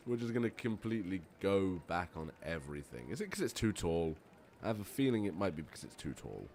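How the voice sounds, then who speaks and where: Low-pitched man, hoarse throat, playful and chatty gameplay commentator. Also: sing-song, fairly quick, darkish tone, a little hiss or hum. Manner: playful, chatty, jokey asides to viewers. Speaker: let's play gamer.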